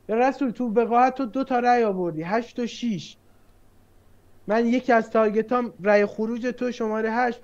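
High-voiced man defending his game moves. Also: a little mellow. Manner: defensive, rapid reasoning. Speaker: player in an online mafia game. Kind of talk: casual argumentative game recap. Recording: lo-fi online call audio.

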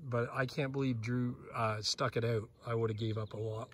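An easygoing young man talks from behind the camera in a small boat on a still lake. His voice is mid-pitched and natural, with faint outdoor noise in the background. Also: level tone, normal speed. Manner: easygoing, coaching and commenting. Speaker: fishing companion filming. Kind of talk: casual outdoor fishing chat.

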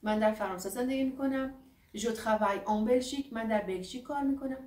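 A woman from Iran teaching a French lesson, speaking French examples slowly and clearly, then explaining them more quickly. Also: on the high side, darkish tone, reverberant, distant mic. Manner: slow, drawn-out dictation of French examples between quick explanations. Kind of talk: language lesson.

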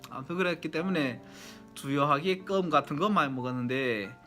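A man with a bright, forward voice and a Yanbian Chinese-Korean accent tells nostalgic stories in a casual vlog style. He is chatty but keeps polite sentence endings, over faint guitar music. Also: fairly high pitch, moderate pace. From Yanbian, China. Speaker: vlogger. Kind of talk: casual nostalgic storytelling to viewers.

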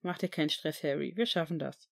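A woman's voice: low-pitched, brisk, gravelly, pitched below the performer's own voice. Easygoing teen wizard, cheerful and reassuring; woman reader. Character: easygoing teenage boy wizard.

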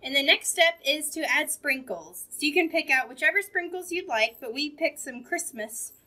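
Young woman with a high voice, cooking steps. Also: normal speed, sharp tone. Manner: simple instructions while working. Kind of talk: cooking demonstration. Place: home-style kitchen.

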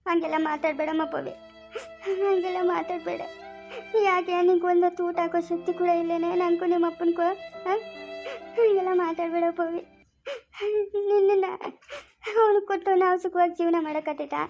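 A woman's voice: extremely high pitch, fairly even intonation, moderate pace, pauses often, a little mellow, faint music behind. A woman playing a worried, tearful poor mother in an amateur family drama, speaking rural Chikkaballapur Kannada. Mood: pleading. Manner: pleading, emotional.

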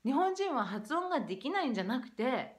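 A young woman talking casually to camera about English pronunciation, lively and switching between English and Japanese. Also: high voice, fairly quick.

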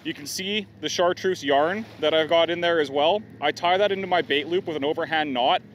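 A man's voice: fairly high pitch, brisk, fairly bright tone, a little hiss or hum. A middle-aged man, giving a practical outdoor how-to on a riverbank, with plain explaining and some fillers. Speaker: fishing guide demonstrating gear.

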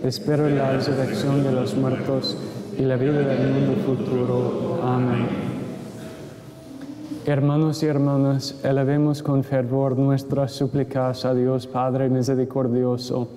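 A man serving as priest leads Mass in a large church, intoning the creed and prayers at a steady, measured pace in a medium-pitched voice. The echoey hall lends a long cathedral reverb, and a loud congregation can be heard responding.

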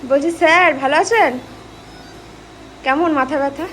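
High-voiced chatty woman vlogger. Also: a little slow, fairly bright tone, a little hiss or hum. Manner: chatty, addresses viewers directly. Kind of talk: casual home vlog chat. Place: at home, indoors.

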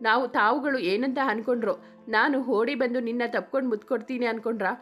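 A woman's voice: on the high side, steady tone, quick pace, a bit bright, faint music behind, natural voice. A woman reading the lines of a teasing, charming young man in love in a story. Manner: teasing, joking.

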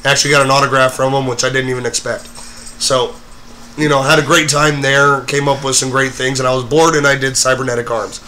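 A hoarse man getting over a cold, hosting a live makeup tutorial in a rambling way with lots of fillers. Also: medium pitch, level tone, fairly quick, pushed and bright, slight background noise. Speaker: host of a live makeup show. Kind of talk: casual live-stream tutorial.

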